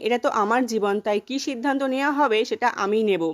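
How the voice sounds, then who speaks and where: A woman's voice: fairly high pitch, fast, close to an everyday voice. A woman voicing a firm, defiant middle-aged mother in a retold soap-opera scene.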